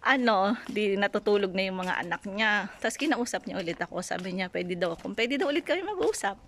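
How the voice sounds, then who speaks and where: A woman's voice: medium pitch, expressive, brisk, a bit bright, slight background noise. A woman from the Philippines, chatty in a casual storytelling vlog, retelling conversations and talking to her viewers. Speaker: vlogger. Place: Greece.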